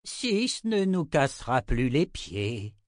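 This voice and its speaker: A man reading an audiobook, voicing an old male wizard who speaks in a slow, measured, sober way. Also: medium pitch, sing-song, dry recording, studio quality, voice pushed up.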